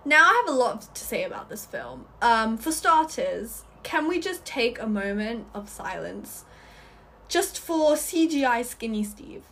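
A chatty young woman talks through a film review in a loose, rambling way, tripping over restarts and fillers. Her voice sits a little high for a woman and has a faint husky edge. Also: big pitch swings, a little slow, sharp tone. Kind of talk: casual video review.

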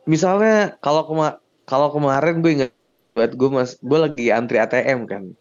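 A man's voice: medium pitch, normal speed, dull audio. A young man in a casual, bantering chat, using full of slang.

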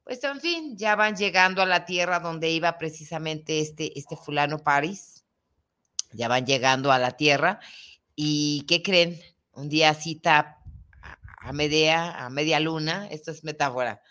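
A woman spins an old tale in loose, chatty fashion. Her voice sits a little low, and she jokes and corrects herself as she goes. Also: a little slow. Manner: animated, colloquial, jokey, with frequent restarts and asides. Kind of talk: casual storytelling chat.

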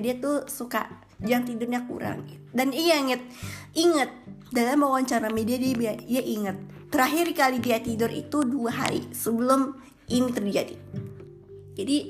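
Young woman rambling thru a story, corrects herself a lot, high voice, music going behind. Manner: chatty, rambling, self-correcting. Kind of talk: casual storytelling. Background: background music.

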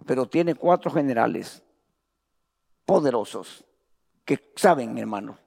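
A man preaching a Bible study sermon in a church, reading scripture slowly and calling the listeners "brother". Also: medium pitch, expressive, gravelly, darkish tone, long reverb tail. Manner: reads scripture slowly, addresses "hermano".

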